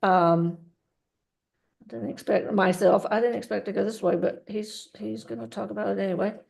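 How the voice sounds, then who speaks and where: A woman working as a medium, relaying a spirit's messages in a halting way, often repeating words. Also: mid-range voice, steady tone, gravelly, a little mellow. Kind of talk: mediumship reading.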